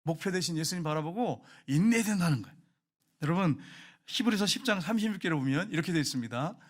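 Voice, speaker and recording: Male pastor, higher voice, emphatic exhorting sermon delivery. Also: animated, fast. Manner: emphatic, exhorting, rising to stress points.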